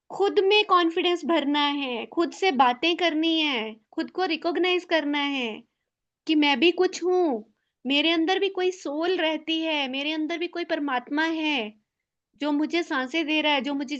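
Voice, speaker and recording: Slow, high-voiced woman guiding affirmations. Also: dull audio. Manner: gentle, coaxing, demonstrates affirmations. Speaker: mirror-talk guide. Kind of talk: guided self-affirmation session. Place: online group call.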